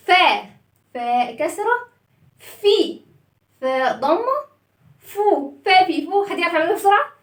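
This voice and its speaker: A high-voiced woman with an Egyptian Arabic accent leads a phonics lesson for small children, drawing out each letter sound in a sing-song storytelling way. Her voice rings in an echoey room. She sits a little back from the microphone. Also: far from the mic. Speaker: children's reading teacher.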